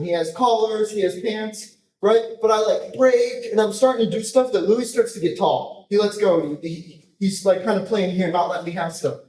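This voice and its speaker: A man coaching a jiu-jitsu technique, explaining casually in short, choppy phrases and often checking in with a quick tag question. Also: sits high. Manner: informal, choppy phrases with repeated tag "right?". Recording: roomy echo, distant microphone.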